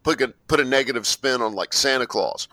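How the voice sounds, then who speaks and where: Bright-voiced, joking man on a dry mic. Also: mid-range voice, fast, no room sound, low-quality recording. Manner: joking, sardonic, stammers. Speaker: podcast co-host. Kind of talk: casual music podcast chat.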